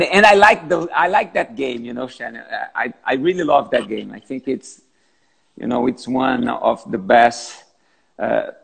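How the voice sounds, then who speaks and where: Gravelly husky-voiced surfer in his fifties. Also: mid-range voice. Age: 50s. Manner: halting, repeats words, non-native phrasing. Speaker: big wave surfer. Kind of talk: interview answers. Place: gym.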